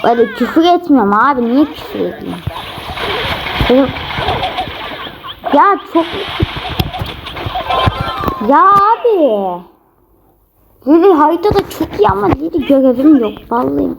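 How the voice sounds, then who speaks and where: A young woman talks over her gameplay in a high, swooping voice. She keeps getting frustrated and exclaiming at her teammates. The home recording has a steady background noise. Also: unhurried, gravelly, long pauses. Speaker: gamer. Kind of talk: casual gameplay commentary.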